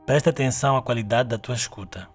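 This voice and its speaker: A man hosting a guided meditation, in a soothing, unhurried and instructional way. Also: medium pitch, music in the background. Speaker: host guiding a meditation.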